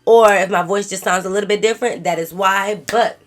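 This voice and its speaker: A young woman vlogger, congested and stuffed up from a cold, does a casual storytime, reading a viewer's letter aloud and reacting in sassy slang. Her mid-range voice is fairly quick with fairly even intonation, and faint music plays behind her.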